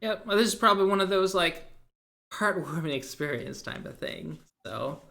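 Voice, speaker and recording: A man's voice: high voice, expressive, normal speed, gravelly, pushed and bright. Chatty American podcast host, man from Seattle. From Seattle, Washington. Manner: chatty, laughs often, retells jokes. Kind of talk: casual podcast chat.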